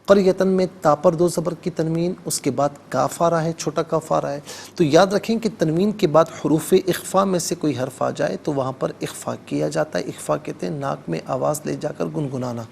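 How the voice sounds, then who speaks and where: A man teaching Quran recitation on television in Urdu-accented speech, explaining each word methodically and chanting verses slowly. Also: fairly high pitch, gravelly, a little hiss or hum. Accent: Pakistani Urdu. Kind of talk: televised tajweed lesson with slow chanted recitation.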